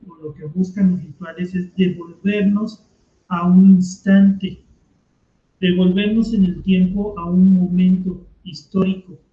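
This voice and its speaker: A man explaining in a conversational lecture, often asking rhetorical questions. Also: high voice. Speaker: teacher leading a commented reading. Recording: roomy, dull lo-fi sound.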